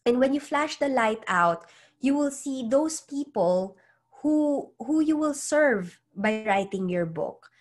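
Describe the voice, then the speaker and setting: Slow and animated, her high-pitched voice carries the earnest advice of a psychologist and author coach being interviewed as a guest. She speaks English as a second language. She often repeats words as she figures out her phrasing.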